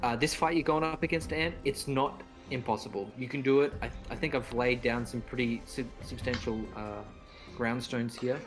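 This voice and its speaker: A man co-hosting a gaming livestream, relaxed and explanatory, with hesitant pauses. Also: medium pitch, poor audio. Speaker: co-host and coach. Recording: game music behind.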